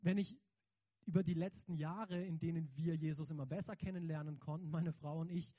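A man giving a lively, conversational sermon, emphatic and slangy, often turning to the audience with questions. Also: a little high, brisk, no room sound. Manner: emphatic, slangy, keeps asking the audience "right?". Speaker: preacher.

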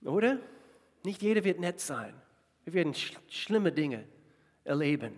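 Male pastor, fairly high voice, stuffy-nosed, emphatic sermon with repeated lines, long church reverb. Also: sing-song, a little slow. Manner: emphatic, repeats phrases, asks the congregation direct questions. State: congested from a sinus infection. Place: church service in a large hall.

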